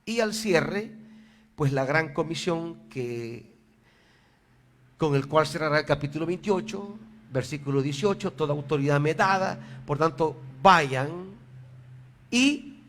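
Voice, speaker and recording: A man preaching a sermon into a church microphone. His voice sits high and swings widely in pitch as he repeats key phrases for emphasis, and he takes his time over each line. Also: expressive, a little slow, a bit bright. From El Salvador. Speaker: pastor. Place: church sanctuary. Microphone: handheld or stand microphone on a PA system.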